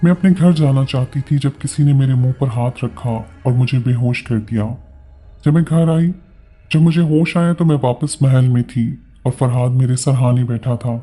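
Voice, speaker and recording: A man with a Pakistani Urdu accent reading a first-person story in a steady, earnest way. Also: medium pitch, normal speed, faint music behind.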